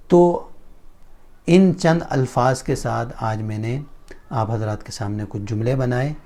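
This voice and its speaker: A man with a Pakistani Urdu accent teaching a spoken Arabic lesson, slowly repeating example sentences and translating each one. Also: mid-range voice, vocal fry, dark tone. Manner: slow, deliberate drilling of example sentences with translations.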